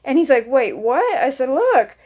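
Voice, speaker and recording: A young woman with a slightly high voice tells a rambling story in a casual vlog. She repeats herself, doubles back on her words and swears offhandedly as she goes. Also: unhurried, a little mellow. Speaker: vlogger.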